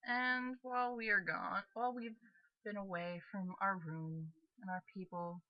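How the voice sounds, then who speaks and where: A woman's voice: mid-range voice, unhurried, dry recording, lo-fi sound. A young adult woman hosting a let's play, chatting casually and reading game text aloud. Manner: chatty, self-commenting on her character voices. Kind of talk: casual game commentary and read-aloud narration.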